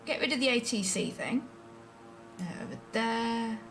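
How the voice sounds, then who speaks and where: A woman's voice: on the high side, expressive, a little slow, a bit bright, a little hiss or hum. Chatty woman streamer, a bit off-mic. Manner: chatty, thinking aloud, self-questioning. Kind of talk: casual live-stream commentary while playing a flight simulator. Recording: voice a bit distant from the mic, faint music behind.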